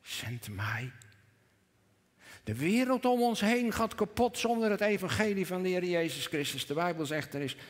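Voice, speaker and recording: A man, preaching a sermon in church, earnest, rising to emphatic peaks and dropping to a hush. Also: high-pitched, a little fast, hardly any pauses. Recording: long reverb of a church hall.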